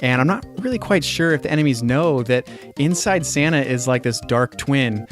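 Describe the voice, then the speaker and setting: Dude with a middle-pitched voice riffing casually on a podcast, says "like" a lot. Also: male voice, normal speed, faint music behind. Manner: animated storytelling, with lots of "like" fillers. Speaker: podcast co-host. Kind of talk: casual chat.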